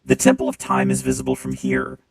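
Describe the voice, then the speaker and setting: Deep robot steward with a filtered voice. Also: male voice, completely flat delivery, faint music behind. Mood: wistful. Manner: formal, measured, reminiscing. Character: calm dutiful robot steward, male. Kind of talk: gameplay stream reading game dialogue.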